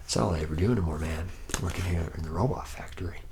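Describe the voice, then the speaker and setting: Talking fast in a low, gravel-edged voice, this actor gives his boozy, womanizing slacker robot mechanic a weary, wistful mood. The improvised ASMR roleplay is intimate, with noticeable noise, and he treats the listener as a trainee, rambling in slangy, chummy, mildly self-mocking style.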